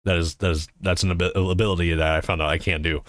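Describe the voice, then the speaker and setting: A man's voice: low voice, fairly even intonation, fast talker, noisy background. A man streaming live, chatting casually and answering his chat in a rambling, swearing way.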